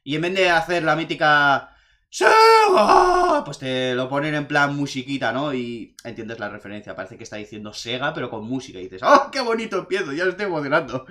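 A young man, chatting casually and excitedly as he reviews a film in a vlog, rambling from point to point. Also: mid-range voice, quick pace. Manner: excitable, rambling, animated retelling. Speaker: video reviewer.

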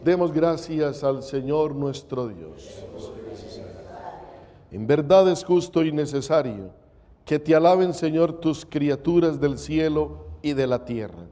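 Slow solemn priest in cathedral-like echo. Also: male voice, a little high, expressive, mellow. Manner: measured, reverent. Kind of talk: solemn liturgical prayer and preaching. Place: indoor chapel, at altar and lectern. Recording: echoing chapel with long reverb.

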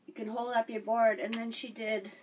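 Demonstrating a home workout, a middle-aged fitness vlogger talks at normal speed in a voice on the high side with little pitch movement. She's chatty, encouraging and breathless, laughing as she exercises, and she's heard from afar with a little hiss or hum.

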